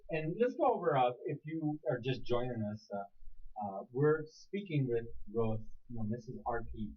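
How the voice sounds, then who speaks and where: A man in his forties hosts a conversation with playful, joking interjections. His pitch swings widely. The recording sounds dull and muffled. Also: lively intonation, moderate pace. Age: 40s. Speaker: host. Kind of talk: casual interview chat.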